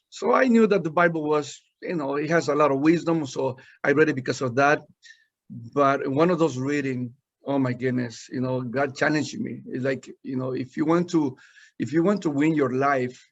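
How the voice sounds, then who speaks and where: A middle-pitched man tells his faith story in earnest, with many restarts and fillers. The audio is dull and lo-fi. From Guatemala. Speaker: senior pastor, guest. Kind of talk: personal testimony in conversation.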